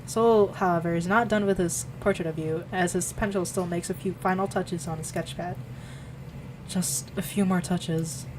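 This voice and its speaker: A woman's voice: lowish voice, fairly even intonation, brisk, few pauses, noisy background. A young woman streaming, reading a visual novel aloud in a casual way, often tripping over words and correcting herself with a laugh.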